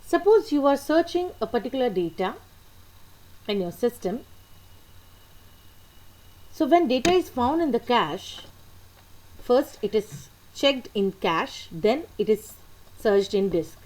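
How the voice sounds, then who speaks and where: A woman's voice: on the high side, very animated, slow pace, long pauses, a little mellow, a little hiss or hum, low-quality recording. A woman, teaching a computer lesson and patiently repeating the key points. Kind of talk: lecture explaining slides.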